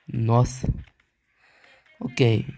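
A Brazilian man casually commenting on a game, musing slowly and often tagging his lines with a questioning "né?". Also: medium pitch, level tone, warm tone. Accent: Brazilian Portuguese. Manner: slow, musing, with frequent "né?" tags. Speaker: gaming channel host.

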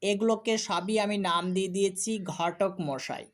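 A woman's voice: mid-range voice, fairly even intonation, a little slow. A woman teaching English grammar in Bengali, a native Bengali speaker who repeats key points and poses questions to her students. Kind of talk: explaining grammar lesson to students.

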